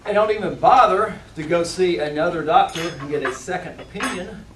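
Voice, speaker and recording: A man giving a rehearsed motivational speech to an audience, with deliberate, emphatic phrasing and dramatic pauses. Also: high-pitched, a bit bright. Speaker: competition public speaker. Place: indoor room, speaking to a live audience. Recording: roomy, distant mic, faint background noise.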